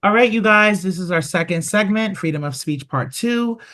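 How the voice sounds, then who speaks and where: A man's voice: sits high, expressive, normal speed, loud music behind the voice. A man hosting his podcast in casual solo talk, chatty and dotted with filler sounds. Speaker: podcast host.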